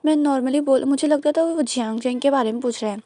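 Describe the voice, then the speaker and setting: A woman's voice: high voice, fast talker, mellow, no room sound. Woman doing a soothing protective older brother. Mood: explaining. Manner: soothing, reassuring.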